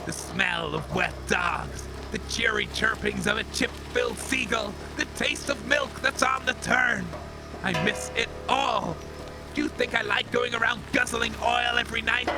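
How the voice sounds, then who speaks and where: An actor playing a gruff, boastful, bitter centuries-old cyborg drifter in a comic audio drama. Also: male voice, very high-pitched, poor audio. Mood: anguished, ranting. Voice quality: gravelly. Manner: brusque, irritable, swaggering. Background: music bed.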